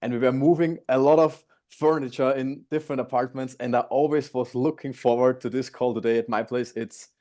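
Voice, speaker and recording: A man's voice: mid-range voice, steady tone, a little fast, hardly any pauses, mellow. A man in his twenties from Austria with an Austrian accent, eagerly teaching an online sales masterclass from home on a video call. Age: 20s. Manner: upbeat, eager, slightly non-native phrasing. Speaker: guest speaker.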